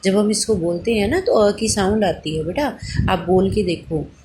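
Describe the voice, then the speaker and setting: A woman's voice: mid-range voice, moderate pace, background noise. A woman teaching a primary-school Hindi class, patiently sounding out letters and answering her own questions. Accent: Indian Hindi. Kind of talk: online class lesson.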